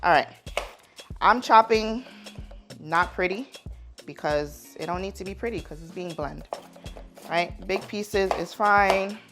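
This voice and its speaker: Over music, a woman with a fairly low voice talks slowly and pauses often. A jokey, playful cooking show host and chef, she was born in Haiti and raised in New York, and she leads a casual tutorial where she doubles up words for emphasis and keeps checking in with "right?" and "okay?"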